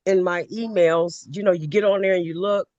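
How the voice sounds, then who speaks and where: A woman's voice: on the low side, fairly even intonation, moderate pace, darkish tone, no echo, lo-fi sound. A woman from Ohio joining a video call, talking at length in a loose, filler-heavy way. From Ohio, USA. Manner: talkative, loose storytelling with many fillers. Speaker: webinar participant. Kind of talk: casual conversation.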